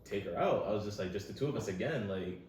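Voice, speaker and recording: A man's voice: on the low side, lively intonation, fast. A young man co-hosting a podcast, telling stories in a laid-back, casual way. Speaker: podcast co-host. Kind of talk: casual chat. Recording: echoey room, distant mic, faint noise.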